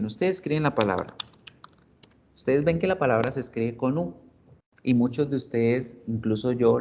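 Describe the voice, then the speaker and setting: A man teaching a beginner English class online, patiently explaining and repeating words slowly for his students. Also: mid-range voice. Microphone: computer mic on video call. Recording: dull audio with faint noise.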